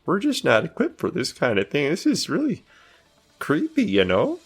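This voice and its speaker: A man's voice: on the high side, huge pitch swings, normal speed, slightly rough, pitched above the performer's own voice, full character voice. A man voicing an older city guard investigator in a tabletop game, folksy, squeamish and hesitant, repeating himself apologetically. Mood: uneasy, squeamish.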